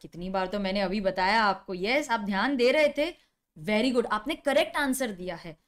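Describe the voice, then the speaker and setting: A woman's voice: mid-range voice, moderate pace. A woman in her thirties with an Indian accent, giving a video lecture as a commerce teacher and acting out little scenes with her students. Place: indoor studio.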